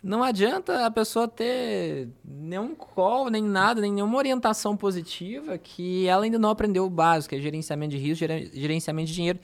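A man from Brazil hosting a casual podcast conversation, talking quickly and emphatically and agreeing often. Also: high-pitched. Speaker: podcast host.

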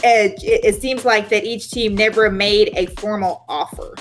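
A woman explaining her view as a guest on a casual sports talk show, in a measured way. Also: medium pitch, fairly even intonation, faint music behind.

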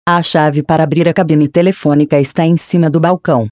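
A man's voice: on the high side, little pitch movement, a little fast, darkish tone, dry recording, studio quality, lightly acted. A Brazilian narrator voicing a brave, curt man who fights a creature in an audiobook. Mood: urgent. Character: brave gruff man with a shotgun.

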